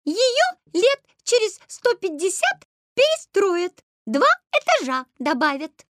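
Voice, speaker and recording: A tiny squeaking clockwork creature. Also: male voice, takes it slowly, no echo, studio quality, full character voice. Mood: eager. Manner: squeaky, excited. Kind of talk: audiobook character voice.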